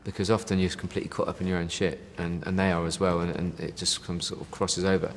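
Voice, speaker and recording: In a large hall with a little hiss or hum, a deep-voiced band member talks fast and flatly. His interview chat is casual and rambling, heavy on fillers like "you know", with the odd "mate" thrown in.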